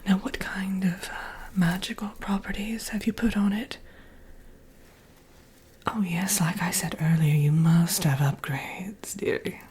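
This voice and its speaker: A woman's voice: on the low side, steady tone, unhurried, close to an everyday voice. Woman as a whispering, fussy Wicked Witch. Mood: chatty, musing. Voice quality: breathy whisper. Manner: hesitant, chatty, calls listener dearie, gently scolding. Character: Wicked Witch, prim fussy villainess fond of brooms. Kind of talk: whispered ASMR roleplay. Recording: audible background noise.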